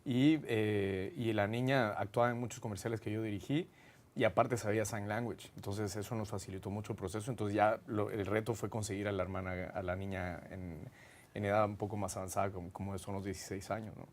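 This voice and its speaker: A Guatemalan film director with a Guatemalan Spanish accent answers interview questions in an earnest, reflective way, hesitating often. His voice is fairly low with fairly even intonation, and he speaks fairly quickly.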